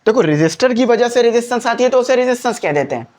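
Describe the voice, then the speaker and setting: A man teaches physics for an entrance exam, his voice rising and falling in a lively way. He breaks each idea into small steps and keeps asking quiz questions. He repeats the main points so they stick. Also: extremely high pitch, fast talker. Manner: explains step by step, repeats key points, asks quiz questions. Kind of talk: exam-prep lecture.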